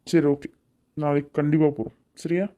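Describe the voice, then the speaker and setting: A woman's voice: sits low, level tone, brisk, warm tone, dull audio, natural voice. A woman playing an irritable young businessman. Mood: calm. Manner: irritable, offhand, dismissive. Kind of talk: cartoon voice acting.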